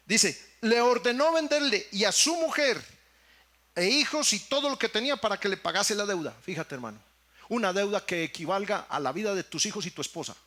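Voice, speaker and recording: A man's voice: high voice, lively intonation, a little fast, sharp tone. A man with a Mexican Spanish accent preaching a sermon, speaking straight to his congregation and repeating phrases for emphasis. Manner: preaching with emphatic repetitions, addressing the congregation as brothers. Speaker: pastor.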